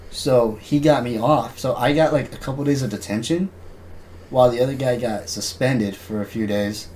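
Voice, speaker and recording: A man's voice: medium pitch, moderate pace, darkish tone, slight background noise. A young man in casual podcast chat, rambling and filling gaps with filler words. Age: young adult. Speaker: podcast co-host.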